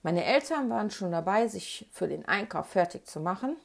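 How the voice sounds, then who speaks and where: A woman with a Ruhr German accent telling a childhood memoir in an animated, colloquial way. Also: mid-range voice, moderate pace, vocal fry. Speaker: narrator. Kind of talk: memoir storytelling.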